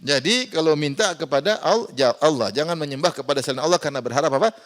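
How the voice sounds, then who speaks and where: A man preaching a Quran exegesis lecture in a mosque. He asks the audience rhetorical questions and swings between loud emphatic rises and quiet asides. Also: on the high side, lively intonation, quick pace. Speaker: Islamic preacher.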